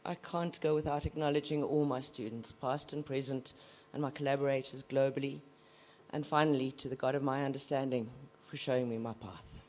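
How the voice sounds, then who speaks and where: A woman's voice: very deep voice, fairly even intonation, a little fast, a little mellow, slight background noise. A woman giving an unprepared acceptance speech, emotional and holding back tears, hesitant with many fillers. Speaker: award recipient, scientist. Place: awards ceremony venue.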